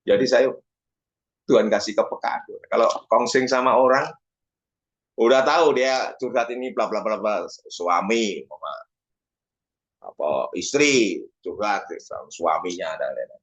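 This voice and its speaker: A man preaching a sermon, animated and often calling out to his listeners. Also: measured pace, dull audio. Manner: animated, swings pitch up for emphasis, keeps addressing listeners as "brothers".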